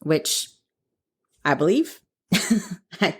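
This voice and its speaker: A woman's voice: deep voice, big pitch swings, very slow, breathy edge. A woman co-hosting a podcast, telling a story in casual chat, rambling and laughing often. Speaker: podcast co-host.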